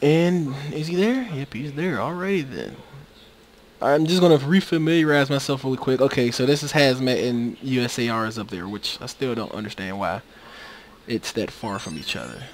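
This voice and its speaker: A man's voice: medium pitch, normal speed. A man giving casual, rambling gameplay commentary into a USB microphone, with many fillers and restarts. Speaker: video game commentator. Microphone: USB microphone that cuts out.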